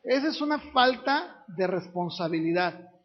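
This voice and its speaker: A man's voice: high-pitched, lively intonation, moderate pace. A man, a pastor preaching a sermon in a conversational way, often asking the congregation questions. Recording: dull lo-fi recording.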